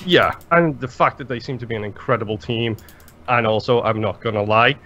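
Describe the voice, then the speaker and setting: A rambling, animated Englishman chatting casually on a podcast, swearing as he goes. His voice sits at a middling pitch and comes through a slightly dull, lo-fi mic. A faint hum of noise sits underneath. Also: fairly quick. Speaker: podcast co-host. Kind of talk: casual chat.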